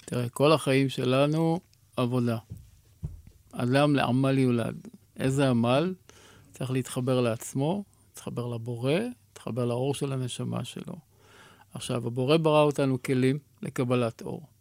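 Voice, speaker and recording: Male rabbi guest, measured teacher's delivery, dry close studio voice. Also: mid-range voice, fairly even intonation, vocal fry, darkish tone, no echo. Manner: measured, teacherly, asks rhetorical questions. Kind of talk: explaining Kabbalah teachings.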